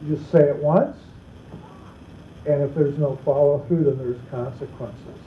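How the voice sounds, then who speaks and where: Animated pastor teaching parents. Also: male voice, a little high, measured pace, slight background noise. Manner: animated, acts out parent and child scenes. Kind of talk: practical seminar teaching. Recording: tinny, roomy echoey seminar recording.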